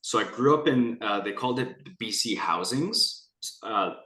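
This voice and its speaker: Young adult male from Canada, lowish bright voice, earnest rambling storyteller, echoey room. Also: animated, normal speed. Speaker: guest. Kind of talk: candid personal conversation.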